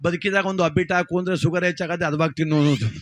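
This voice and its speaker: A man telling a village comedy story with a rural Karnataka Kannada accent, acting out each character with sudden high shouts. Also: steady tone, racing.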